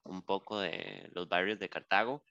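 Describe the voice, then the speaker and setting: A woman's voice: a bass voice, normal speed, clean tone, no echo. A Costa Rican woman co-hosting a podcast, telling stories in a slangy, laughing way and reading a listener's letter aloud. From Costa Rica. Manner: laughing, slangy, animated storytelling. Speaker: podcast co-host. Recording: dull, dry close-mic sound.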